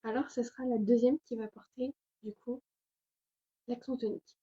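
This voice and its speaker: A woman's voice: a little high, fairly even intonation, normal speed, mellow, breathy edge. A young woman hosting a casual online language lesson, chatty and hesitant with many fillers, recorded at home. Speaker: language tutorial host. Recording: dull lo-fi sound.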